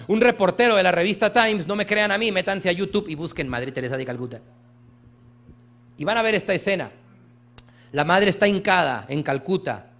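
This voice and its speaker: High gravelly Mexican man in a reverberant hall. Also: fairly bright tone. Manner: emphatic, storytelling, leads audience chants. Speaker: motivational speaker. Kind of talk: motivational talk to a live audience.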